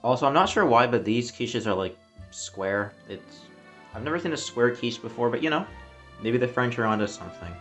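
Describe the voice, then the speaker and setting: A man's voice: mid-range voice, expressive, normal speed, fairly bright tone, reverberant, recorded from a distance, soft background music. A man talking casually in a food vlog, chatty and self-deprecating, tasting food as he goes. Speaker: food vlogger.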